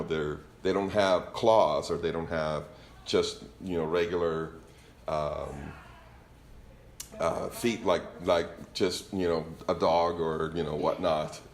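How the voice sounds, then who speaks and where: In an informal sermon, a man from Venezuela speaks to a congregation about scripture, chatting and joking in a Spanish accent. His voice is deep and the sound is roomy.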